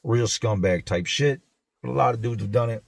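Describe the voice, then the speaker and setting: A man's voice: mid-range voice, normal speed, gravelly. A man hosting a show, telling a story in blunt street slang in a casual, easygoing way. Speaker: host.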